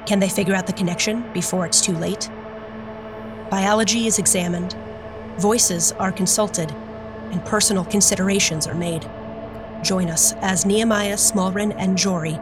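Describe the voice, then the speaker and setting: A woman hosting a tabletop role-play podcast, narrating the story as game master in a measured storytelling way. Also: mid-range voice. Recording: music under the voice.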